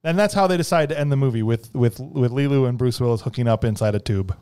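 A man's voice: medium pitch, fast talker, dark tone, smooth. A man hosting a casual movie discussion in a conversational, jokey way. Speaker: podcast host.

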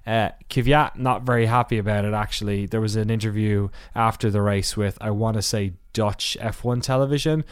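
A man's voice: fairly low pitch, steady tone, moderate pace, hardly any pauses, clear, resonant tone, no echo, clean studio sound. A man hosting a podcast, giving a casual race recap with wry asides, rambling through many fillers and restarts. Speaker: podcast host.

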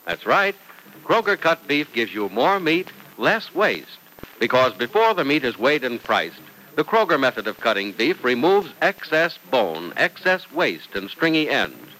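A man's voice: mid-range voice, big pitch swings, measured pace, bright, forceful tone, slight background noise, rough recording. A man speaking as an old radio announcer, reading scripted narration and ads with emphatic, dramatic salesmanship. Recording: old radio broadcast recording.

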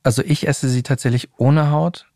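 A man's voice: medium pitch, steady tone, normal speed, a little mellow, dry recording, studio quality. A man hosting a podcast, chatting in a friendly way and speaking straight to his listeners. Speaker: podcast host. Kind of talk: casual podcast interview.

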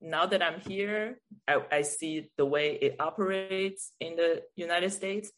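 A Taiwanese woman, an adult teacher and artist with a school-age child, appears as a guest on a conversational podcast and reflects on her views. Her voice is on the low side, fairly bright, and a little slow.

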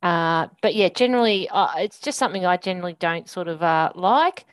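A woman with an Australian accent co-hosting a sports podcast, measured and a little hesitant. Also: fairly low pitch. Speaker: co-host. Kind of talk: casual podcast chat.

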